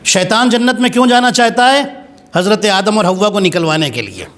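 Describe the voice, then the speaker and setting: A man's voice: high-pitched, expressive, fairly bright tone. A man cleric delivering a religious sermon, telling a story dramatically with big swings in voice.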